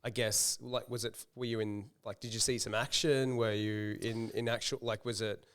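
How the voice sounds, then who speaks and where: A man's voice: lowish voice, level tone, moderate pace, fairly bright tone, clear, resonant tone. A man co-hosting a podcast, chatting in a friendly, rambling way and often saying "mate" and "like". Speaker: podcast co-host. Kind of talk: casual podcast interview.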